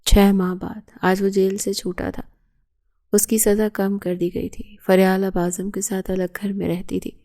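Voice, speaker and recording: A woman narrating a romantic audio novel with a steady storytelling read. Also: medium pitch.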